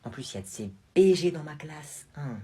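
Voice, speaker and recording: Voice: mid-range voice, lively intonation, a little fast, warm tone, slightly rough. A performer voicing a chatty, boastful preteen girl cousin in a comedy sketch. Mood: gushing. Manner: gushing, chatty.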